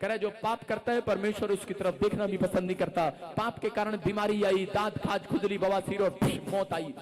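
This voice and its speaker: A male pastor preaching a fervent sermon, moving between storytelling and shouting. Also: high-pitched, steady tone, normal speed. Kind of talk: Pentecostal sermon. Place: church service. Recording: live church recording with crowd noise. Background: congregation audible.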